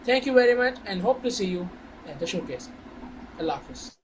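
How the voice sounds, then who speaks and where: During a startup pitch and Q&A, a young man from Saudi Arabia, the founder, speaks earnestly and formally, addressing people as "sir." He has a high voice with lively intonation and a brisk pace, but the audio is poor, with a bit of hiss or hum.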